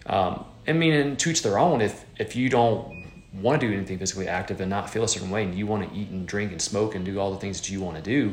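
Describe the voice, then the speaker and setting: Fast-talking deep-voiced man in his thirties. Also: roomy sound, a little hiss or hum. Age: 30s. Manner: rambling, restarts often, filler-heavy. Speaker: podcast host. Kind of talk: casual podcast chat.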